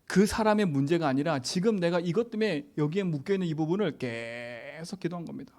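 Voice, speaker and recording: A middle-aged man preaching from the pulpit, his voice sitting somewhat high for a man. He talks in a lively, conversational way, pushes his points hard and keeps turning to the congregation with rhetorical questions. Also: a little fast. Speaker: pastor. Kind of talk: sermon.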